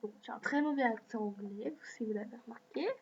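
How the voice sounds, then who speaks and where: A woman's voice: on the high side, fairly quick, darkish tone, husky. Hesitant woman giving an app walkthrough. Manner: hesitant, many fillers. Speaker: video host. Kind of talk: screen-recorded app walkthrough. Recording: dull lo-fi mic with faint hiss.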